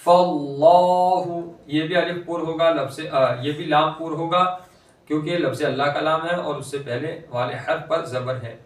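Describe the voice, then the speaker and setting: Teacher man, slow recitation, echoey room. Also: fairly high pitch, fairly even intonation, a bit bright, recorded from a distance. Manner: alternates slow drawn-out recitation of words with plain explanation. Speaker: Quran reading teacher. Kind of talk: recitation lesson explaining pronunciation rules.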